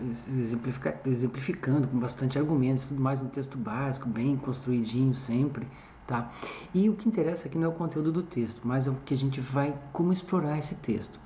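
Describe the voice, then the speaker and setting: Male teacher, screen tutorial, mellow voice, echoey room. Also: mid-range voice. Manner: explains step by step with frequent "tá?" check-ins. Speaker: English teacher. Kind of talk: screen-recorded tutorial narration. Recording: echoey room with faint background noise.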